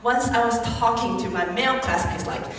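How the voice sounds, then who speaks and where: A young woman from Taiwan with a Taiwanese accent, giving an animated competition speech in English with emphatic rhetorical rises. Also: a little high, brisk. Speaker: speech contestant. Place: large conference hall. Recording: echoey hall from far off, faint ambience.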